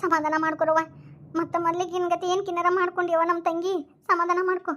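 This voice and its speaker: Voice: extremely high pitch, level tone, fast, pushed and bright, slight background noise. A voice actor playing a consoling elder sister in a village, with a North Karnataka accent. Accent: North Karnataka Kannada. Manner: soothing, coaxing.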